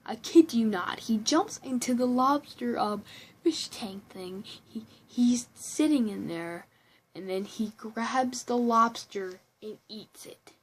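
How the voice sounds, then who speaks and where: A woman's voice: fairly high pitch, lively intonation, takes it slowly, breathy edge, rough recording. A woman giving a casual, rambling movie review at home, often restarting sentences and breaking into giggly asides. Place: room at home with a computer behind her.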